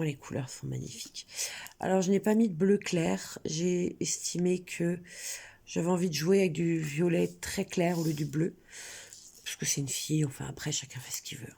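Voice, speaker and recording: A woman's voice: low-pitched, vocal fry, warm tone, breathy edge. A woman with a cold, sniffling now and then, chatting casually and hesitantly with many fillers as she talks through her coloring hobby. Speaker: coloring channel creator. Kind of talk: casual crafting vlog.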